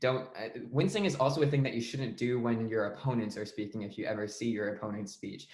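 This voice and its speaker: A man's voice: on the low side, fast, a little mellow, echoey room. A young man teaching debate speech delivery in an online lesson, explaining in a casual tone with frequent fillers. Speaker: debate coach.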